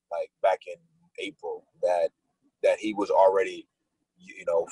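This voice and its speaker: A man's voice: low-pitched, darkish tone, slightly rough, no echo, poor audio. A young man, a football wide receiver, answering interview questions in a casual, laid-back way, full of likes and restarts.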